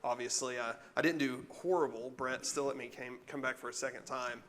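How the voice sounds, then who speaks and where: A man speaks at a tech meetup in a chatty, self-deprecating way, joking with the people in the room. His allergies are acting up and he is chewing gum to keep from coughing. His voice sits at an ordinary middle pitch for a man. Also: steady tone, fairly quick, fairly bright tone. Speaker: guest speaker. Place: meetup room with a live audience.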